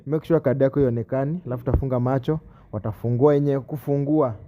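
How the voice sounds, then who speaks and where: A man's voice: medium pitch, fairly even intonation, fast talker, phone-quality sound. A man with a Kenyan accent casually hosting a party game, calling out instructions to the group. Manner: calls out instructions to players. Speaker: host and moderator of a party card game.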